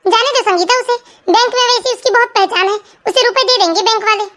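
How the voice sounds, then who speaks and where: Cartoon mother-in-law, woman voicing, shrill high, scolding and dramatic. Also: quick pace, a bit bright. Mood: motherly. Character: stern then remorseful mother-in-law.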